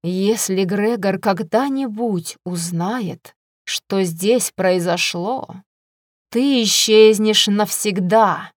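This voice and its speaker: A woman reading the part of a cold, arrogant young queen who gives slow, quiet, menacing orders in an audiobook. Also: mid-range voice, no room sound, studio quality. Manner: soft, slow, icy commands.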